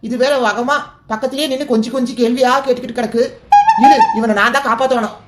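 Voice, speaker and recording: A woman's voice: on the high side, fairly even intonation, quick pace, lightly acted. A woman voicing a fussy grey-haired village man in a cartoon serial, grumbling and flustered in rural banter. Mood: fretful. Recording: music bed under voice.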